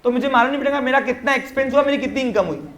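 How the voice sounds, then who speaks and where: A man's voice: very high-pitched, very fast, a bit bright. Hindi-speaking male teacher in an echoey classroom. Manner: keeps quizzing the class with short check questions; mixes English terms into Hindi explanation. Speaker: commerce teacher. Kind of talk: classroom lecture. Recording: roomy classroom echo.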